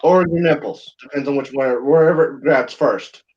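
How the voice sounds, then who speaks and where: This livestream host speaks at a normal pace in a mid-range, slightly mellow voice. His chat wanders, full of crude and blunt humor, and it's captured in dull, lo-fi sound.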